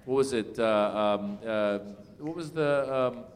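A man's voice: lowish voice, measured pace. Man, comedian guest, rambling, chuckling, lots of ums, reverb of a live hall. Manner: rambling, laughing, many fillers. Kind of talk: casual chat on a live stage show.

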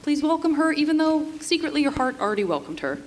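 A woman host giving a casual, halting introduction on a microphone at a live event. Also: high-pitched, big pitch swings, background noise. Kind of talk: casual stage introduction with hesitations. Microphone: microphone on stage at a live event.

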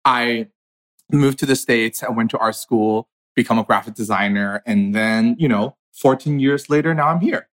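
A man in his thirties from China speaks at a middle pitch. He tells his story earnestly, with many fillers, in a casual chat. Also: moderate pace, fairly bright tone. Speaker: artist and designer. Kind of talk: casual conversation.

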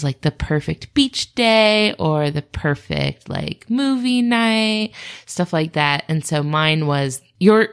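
A woman hosting a casual animal review podcast, chatty and playful with dry jokes. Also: deep voice. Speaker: podcast host.

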